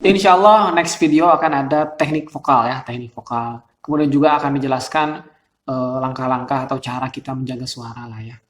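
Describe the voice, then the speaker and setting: A man's voice: mid-range voice, fairly even intonation, brisk, fairly bright tone. Chatty man with a thin, reedy voice. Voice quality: describes his voice as thin and reedy. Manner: chatty, laughs often, many fillers. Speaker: host. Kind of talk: casual explanatory talk. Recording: roomy echo.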